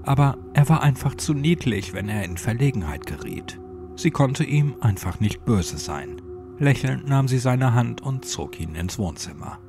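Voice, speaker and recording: A man narrating a scripted horror story with lively, expressive delivery. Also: mid-range voice, unhurried. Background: music.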